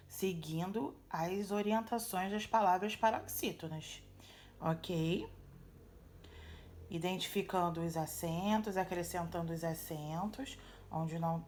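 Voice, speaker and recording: Patient Brazilian woman teacher explaining exercises. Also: lowish voice. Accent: Brazilian Portuguese. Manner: patient, checks in with frequent "ok?" and "tá?". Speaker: primary school teacher. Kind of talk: recorded remote lesson walkthrough.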